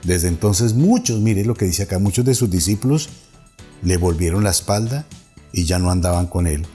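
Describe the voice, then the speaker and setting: A man's voice: sits low, moderate pace, mellow, soft background music. A man with a Colombian Spanish accent, a pastor preaching a sermon, reading Bible passages aloud and lifting his voice on the quoted calls. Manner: reads Bible passages aloud with rising emphasis on quoted calls, restarts words. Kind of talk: sermon reading and explaining scripture.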